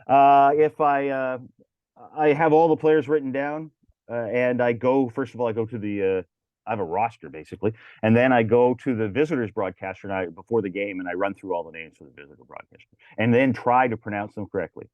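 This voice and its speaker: A man's voice: medium pitch, a little fast, no room sound. Older man, chatty announcer-guest, meandering with uh's, dull dry recording. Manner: rambling, chatty storyteller with many filler uh's. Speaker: arena public address announcer, guest. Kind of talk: casual interview chat.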